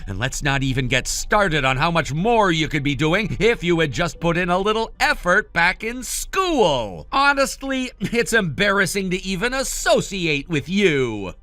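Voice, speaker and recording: A man performs an arrogant young brother in a dramatized family story. His bright, fairly high male voice swings widely in pitch as he cuts people down with dismissive contempt. Music plays underneath. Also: sing-song, a little slow, few pauses, heavily acted. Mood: contemptuous, heated. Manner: condescending, cutting, dismissive.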